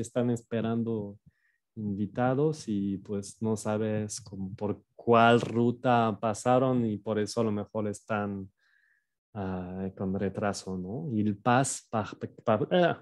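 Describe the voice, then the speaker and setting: Slow-spoken man teaching. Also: fairly low pitch. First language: French. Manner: slow, careful enunciation of each example, relaxed and chatty explanations. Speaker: French teacher. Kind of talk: language lesson, conjugating verbs and explaining example sentences. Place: home office.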